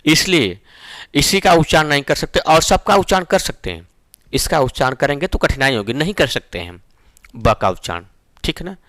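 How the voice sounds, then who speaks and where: A man's voice: a little high, big pitch swings, normal speed, fairly bright tone, no echo. A man teaching a Hindi grammar lesson for exam preparation, explaining step by step and checking that students follow. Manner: explains step by step, often asks "ठीक है ना?".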